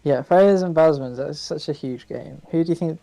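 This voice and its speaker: A man co-hosting a casual podcast chat over a voice call, talking quickly and chattily. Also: on the high side, vocal fry, dark tone, soft background music, poor audio. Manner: quick, chatty, laughs easily. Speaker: podcast co-host. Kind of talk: casual chat about a board game.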